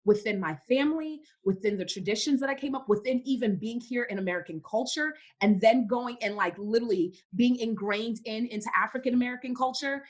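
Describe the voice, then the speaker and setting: A woman's voice: fairly high pitch, slightly rough. A young woman from Cameroon, a podcast guest in casual faith-based conversation, who speaks emphatically and repeats words for stress.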